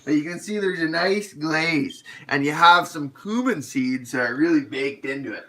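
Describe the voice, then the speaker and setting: A man's voice: a little high, animated, normal speed, fairly bright tone, poor audio. A man casually hosting a cooking stream, explaining each step as he goes in an easygoing, rambling way.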